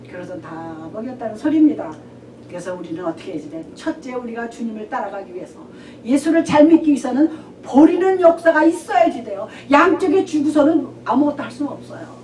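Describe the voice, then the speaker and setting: A woman pastor preaching a sermon, telling the story with animated quoted dialogue. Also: fairly high pitch. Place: church sanctuary. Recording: echoey church from a distant mic, with background noise.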